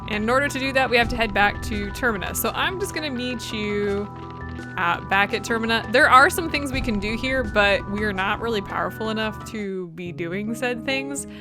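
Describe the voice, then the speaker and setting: A woman's voice: fairly high pitch, moderate pace. A woman casually commenting on gameplay as a let's play host, chatty and full of joking asides. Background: game music.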